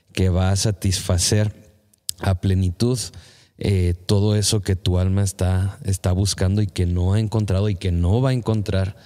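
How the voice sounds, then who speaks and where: A man hosts a church podcast in a lowish, steady voice. He speaks reflectively, quotes scripture, and turns to address the listeners directly. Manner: reflective, quotes scripture, gives frequent affirming "ujú". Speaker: podcast host.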